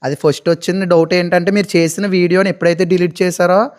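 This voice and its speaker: A man's voice: high-pitched, level tone, fast. A man asking questions of a pastor, challenging him respectfully. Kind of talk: interview questions.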